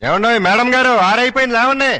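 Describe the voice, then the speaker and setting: Young father, film comedy, bickering banter, lively fast talk, music behind. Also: high voice, no room sound, heavily acted. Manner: quarrelsome banter, sudden loud calls. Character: bickering young father, quick-tempered and teasing. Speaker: young father in a pretend marriage.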